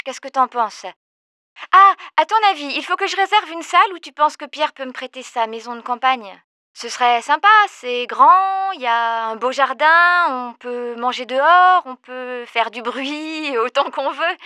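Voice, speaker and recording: A young woman leaves a casual voicemail for a friend, talking in a chatty way and pausing now and then on fillers. Her voice sits high and sounds bright and clear. It is recorded close and dry, with no room around it. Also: no room sound. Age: 20s. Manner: chatty and informal, with hesitant fillers. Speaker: caller leaving a voicemail. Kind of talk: scripted voicemail role-play for a language lesson.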